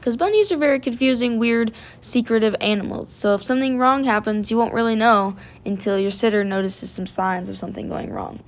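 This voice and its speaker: A woman's voice: on the high side, fairly quick, hardly any pauses. A woman with a groggy morning voice giving casual how-to tips as a pet vlogger, chatty and repeating words for emphasis. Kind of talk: casual how-to vlog narration.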